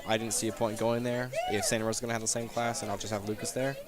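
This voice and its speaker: Young man, low-voiced bowler. Relaxed matter-of-fact answers over a busy bowling alley crowd. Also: racing. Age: young adult. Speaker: junior bowler, last year's champion. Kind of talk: casual interview answers. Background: crowd chatter.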